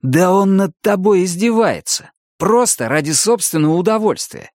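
A man's voice: sits high, expressive, moderate pace, darkish tone, dry recording, clean studio sound, voice pushed up. A man voicing an exasperated teenage guy.

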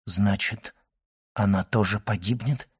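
A man voicing a grave, hushed doctor. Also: steady tone, unhurried, slightly rough, dry recording, studio quality. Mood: hushed probing. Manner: low, hushed, urgent questioning. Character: grave, probing male doctor questioning an old man.

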